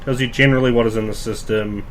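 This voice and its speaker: A man's voice: medium pitch, fairly even intonation, fast talker, heavy background noise. A man playing a tabletop game, chatting casually and hesitantly as he thinks through his moves. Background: music.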